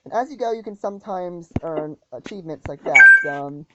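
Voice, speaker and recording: This gaming channel host, a woman with a lowish, expressive voice at normal speed, narrates a relaxed game walkthrough. Her delivery is halting, full of ums and false starts, and the recording is muffled lo-fi with heavy noise.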